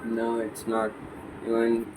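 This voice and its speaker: A man vlogging about his electronics project, thinking aloud in a halting way and often restarting sentences, sounding sleepy. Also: mid-range voice, monotone, over music, poor audio. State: sleepy, yawning. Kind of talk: thinking aloud while tinkering.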